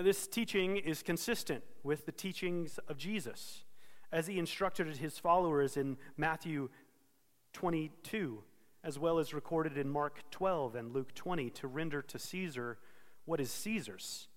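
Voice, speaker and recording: A man preaching an expository sermon, earnest and steady, pausing to correct himself now and then. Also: fairly high pitch, in a large hall. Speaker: pastor.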